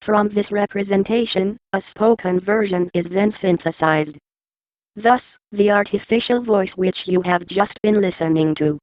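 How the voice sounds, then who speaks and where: A man's voice: high-pitched, moderate pace, no room sound. A synthesized male voice announcing a demo stiffly and politely, on dull lo-fi audio. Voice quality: synthetic, robotic.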